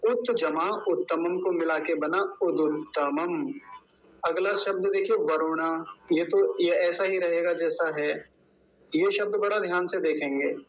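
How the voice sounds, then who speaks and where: A man teaching mantra pronunciation, drawing out each syllable in a slow recitation. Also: on the high side, fairly even intonation, muffled recording.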